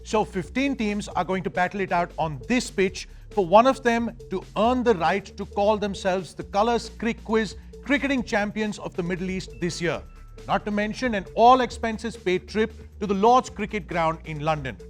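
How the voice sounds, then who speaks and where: A man's voice: sits high, moderate pace. A man presenting a quiz show in a chatty, informal, joking way. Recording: music under the voice.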